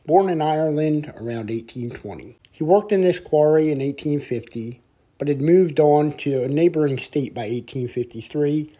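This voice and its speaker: A man's voice: mid-range voice, mellow, husky. A man, narrating his exploration of old ruins in an earnest, reflective way. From northern Delaware. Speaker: restoration vlogger. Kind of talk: documentary narration.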